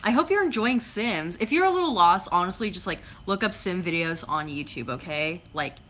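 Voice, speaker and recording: A woman's voice: on the low side, animated, normal speed, fairly bright tone, a little hiss or hum. A woman in her twenties chatting at home on a livestream, reading comments in a rambling way, with lots of fillers and silly sound effects. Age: 20s. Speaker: YouTuber reading live chat. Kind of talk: casual livestream chat.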